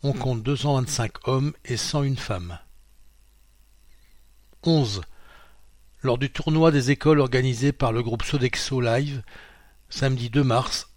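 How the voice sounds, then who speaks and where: Male reader, mid pitch, plain dry studio sound; reads articles aloud, calls out pages and quote marks. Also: a little slow, long pauses, dry recording. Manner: reads out quote marks and page numbers, steady informative delivery. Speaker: magazine reader. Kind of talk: read-aloud narration of a printed magazine.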